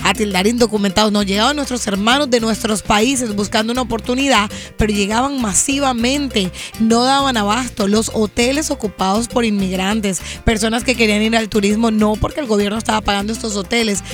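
A woman from Colombia, co-hosting a radio morning show in a lively conversational way. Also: on the high side, fairly quick, few pauses, soft background music. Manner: lively, conversational, gossipy asides. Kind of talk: chatty radio banter.

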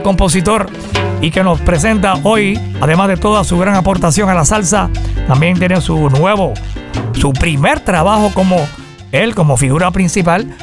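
A man hosting a radio interview, upbeat and quick to agree. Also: high-pitched. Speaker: radio host.

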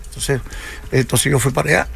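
An older Venezuelan salsa musician tells unhurried stories during a radio studio interview, acting out the dialogue he quotes. His voice is mid-range, steady in tone, and gravelly.

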